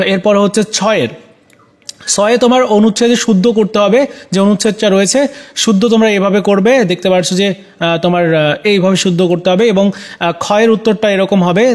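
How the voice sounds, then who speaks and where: A man with a notably high voice walks students through exam answers. He talks to them directly and leans on frequent filler pauses between items. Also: steady tone. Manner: hesitant, many fillers. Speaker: teacher.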